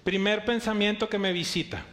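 A man's voice: high-pitched, fairly even intonation, normal speed, fairly bright tone. A middle-aged male pastor preaching a sermon, emphatic, asking the church rhetorical questions.

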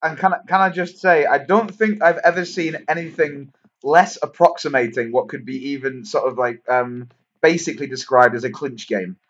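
A man co-hosting a casual podcast chat, emphatic and animated, swearing casually. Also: mid-range voice, moderate pace. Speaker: podcast co-host. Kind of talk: casual chat reviewing a fight. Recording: dull lo-fi podcast audio.

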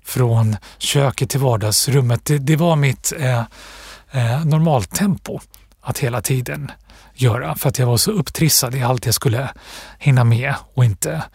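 Guest author, male, breathy voice, thoughtful and unhurried, dry close sound. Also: mid-range voice, a little mellow, no echo. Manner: thoughtful, pausing, with restarts and fillers. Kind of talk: reflective interview talk.

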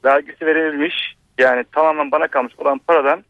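Fast-talking male caller on a phone line. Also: on the high side, steady tone, no echo. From Bursa, Turkey. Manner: aggrieved, hesitant, with many fillers. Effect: over a telephone line. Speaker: radio caller, doctor. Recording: muffled phone line, dry.

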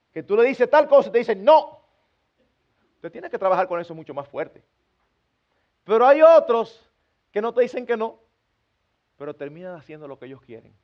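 This pastor's voice sits high and sounds lo-fi as he gives an earnest sermon to his congregation. He plays out everyday family moments with humor, mimicking parents scolding their children.

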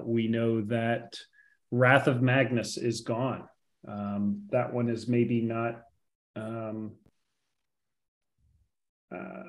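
A man talks through tabletop game news in a relaxed podcast chat. His voice sits at an ordinary middle pitch. He rambles, restarting his sentences and padding them with ums. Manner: rambling, heavy on fillers and restarts. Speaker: podcast co-host. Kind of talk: casual gaming chat.

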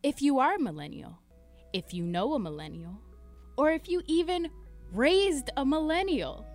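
A woman's voice: sits high, sing-song, normal speed, darkish tone, soft background music. A woman hosting a casual podcast chat, laughing often and acting out quotes in funny voices. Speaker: podcast host.

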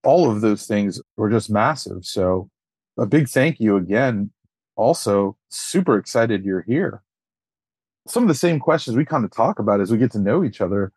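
A man's voice: lowish voice, animated, normal speed, a little mellow, slightly rough, dry recording. A man co-hosting a podcast, asking long, enthusiastic, rambling questions. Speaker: podcast co-host. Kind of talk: conversational interview.

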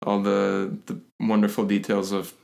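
A man hosting a casual interview podcast, talking in halting, pause-filled phrases. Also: fairly low pitch, monotone, gravelly, darkish tone. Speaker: podcast host.

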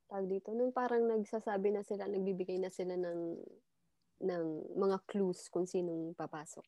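A woman's voice: mid-range voice, steady tone, normal speed, warm tone, no echo, studio quality. A woman from the Philippines, chatting as an interview guest and telling a story with lots of fillers. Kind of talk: casual chat.

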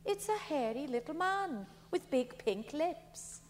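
A dark, breathy fortune-teller. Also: female voice, high-pitched, big pitch swings, slow pace, big-room sound, slight background noise, full character voice. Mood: excited. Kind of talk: radio play acting.

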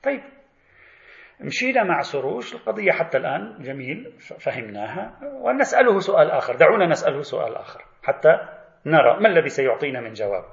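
A male lecturer, giving an animated spoken lesson on religious thought and acting out imagined questions to the theorist he discusses. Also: on the high side, fast, gravelly. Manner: animated, voices imagined exchanges and asks rhetorical questions. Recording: echoey, slightly dull lecture recording.

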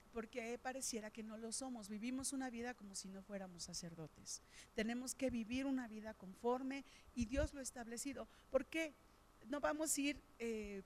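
A woman's voice: fairly high pitch, a little hiss or hum. Mexican woman preaching a chatty sermon. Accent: Mexican Spanish. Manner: conversational storytelling, frequent fillers "este".

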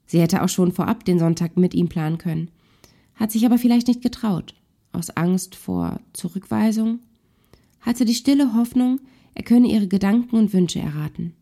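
A woman reading a scripted narration and commenting calmly and reflectively on relationships. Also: mid-range voice, moderate pace. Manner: calm, reflective, explanatory.

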